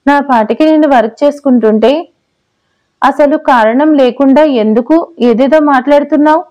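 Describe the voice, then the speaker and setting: A woman's voice: high-pitched, moderate pace, mellow, dull audio, lightly acted. A woman voicing a young husband who teases and bickers with his wife, in an audio story. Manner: playful then exasperated bickering. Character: young husband, teasing, patient office worker.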